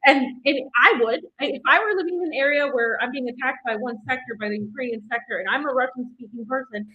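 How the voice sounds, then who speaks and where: A woman's voice: high-pitched, fast talker, husky, lo-fi sound. A woman hosting live commentary, speaking in an opinionated, emphatic way and repeating phrases for stress. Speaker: host commentator.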